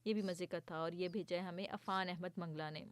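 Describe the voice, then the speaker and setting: A woman's voice: on the low side, steady tone, no room sound. A young woman hosting a children's program, chatting casually, explaining jokes and laughing often. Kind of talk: casual explanatory chat for kids.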